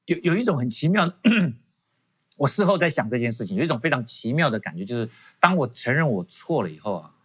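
A man's voice: mid-range voice, very animated, fast, breathy edge. A man giving a personal testimony as a guest in an interview, telling it animatedly with frequent restarts. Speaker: guest professor.

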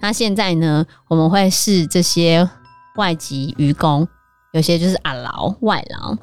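A woman with a fairly low voice and a Taiwanese Mandarin accent lays out real cases on a casual podcast. Light music plays under her. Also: measured pace, a little mellow. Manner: explanatory, recounting case facts. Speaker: podcast co-host. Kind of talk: casual book-club chat.

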